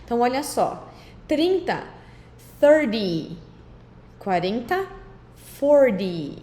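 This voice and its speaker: A woman with a fairly high voice teaches numbers in an unhurried, drawn-out way, pausing between each word. She mixes careful drills with chatty teacherly asides. The room around her rings with echo, and a faint hum sits underneath. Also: a little mellow. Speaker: English teacher. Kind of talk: classroom-style lesson. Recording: roomy echo with faint background noise.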